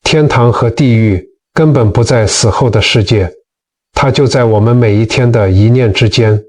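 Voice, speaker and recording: A man tells moral teaching stories in scripted narration, earnest and direct with his listeners. His voice sits at a middle pitch for a man. The microphone sounds a touch distant. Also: normal speed, darkish tone. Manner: earnest, addresses listeners as friends. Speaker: narrator of Buddhist teaching channel.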